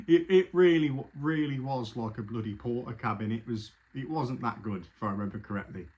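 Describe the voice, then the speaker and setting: A man's voice: medium pitch, a little fast. A man, a football fan, recounting an away trip in a casual, rambling way with frequent restarts. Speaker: football fan telling his story. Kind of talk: casual spoken recollection.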